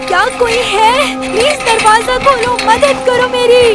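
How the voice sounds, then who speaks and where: A woman's voice: extremely high pitch, steady tone, a little slow, distant mic, loud music behind the voice. An actress playing a panicked young woman pleading desperately for help in a dubbed horror film.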